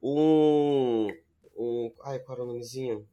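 A man's voice: mid-range voice, fairly even intonation, takes it slowly, highs cut off, a crowd in the background. A man with a Brazilian Portuguese accent hosting a casual podcast chat in a campy, slangy, emphatic way.

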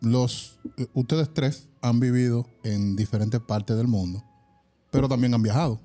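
A man's voice: mid-range voice, measured pace, warm tone, faint music behind. A man with a Dominican accent hosting a casual podcast chat, jumping in with questions. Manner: interjecting, asks questions.

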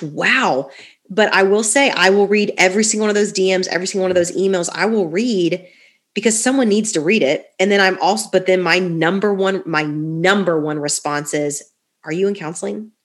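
Earnest woman, slightly low voice. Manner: earnest, repeats phrases for emphasis, many "like" fillers. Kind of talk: casual podcast talk about faith and healing.

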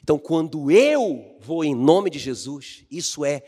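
A man's voice: on the high side, very animated, a little slow, warm tone, husky. A Brazilian man preaching a fervent, emphatic sermon as a pastor, often asking the congregation if they understand. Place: church hall. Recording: echoey hall reverb.

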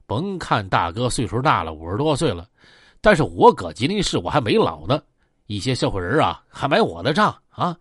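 An indignant gangster in his fifties, as a male storyteller puts him on, with a Northeastern Mandarin accent. He brags and complains with lively, swinging pitch. The recording is dry. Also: moderate pace, slightly rough, no room sound. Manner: indignant, boastful. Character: proud gangster in his fifties, touchy about respect.

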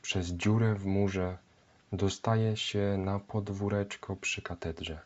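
A male narrator reads a scripted historical account in a measured, solemn way. His voice is deep and his pace is slow, and the recording has a dull, lo-fi sound. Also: fairly even intonation.

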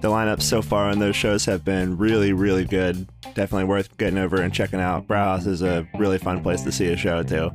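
A man in his thirties co-hosting a podcast, chatting in a relaxed, chuckling way. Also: sits low, fairly quick, hardly any pauses, over music. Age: 30s. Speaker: podcast co-host. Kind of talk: casual chat.

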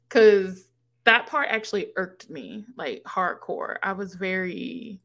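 A woman co-hosting a podcast, chatting casually as she retells a movie's plot, acting out the characters' lines as she goes. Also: mid-range voice. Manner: animated storytelling, acts out characters' lines, swears casually. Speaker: podcast co-host. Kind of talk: casual movie recap chat.

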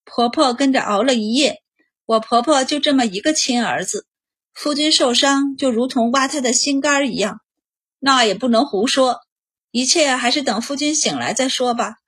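A woman's voice: high-pitched, normal speed, a bit bright, husky. A woman voicing a tearful young noble wife pleading with an old servant, in a storybook reading. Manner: pleading through tears.

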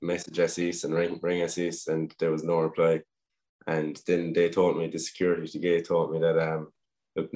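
A young Irish man in his twenties, a guest footballer telling a story in a casual interview, relaxed and anecdotal with frequent "um" pauses. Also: low-pitched. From Ireland.

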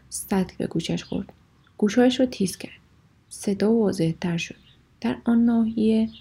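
A woman narrating a storybook with a steady, measured reading voice. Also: mid-range voice, vocal fry, slightly rough.

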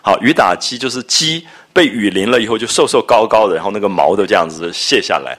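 A man giving a relaxed, conversational lecture on a classic novel, retelling scenes and explaining them. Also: fairly low pitch, quick pace. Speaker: literature lecturer.

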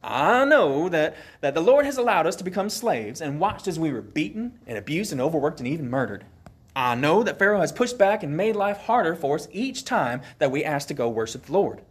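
Man acting Moses: slow Alabama drawl, husky, folksy and pleading. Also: fairly high pitch, big pitch swings. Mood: urgent. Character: Moses as a folksy Southern leader. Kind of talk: sermon role-play.

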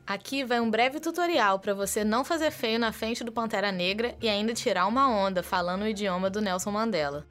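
A woman's voice: mid-range voice, brisk, few pauses, fairly bright tone, faint music behind. A young woman with a Brazilian accent co-hosting a student radio show, reading scripted explanations in an upbeat way.

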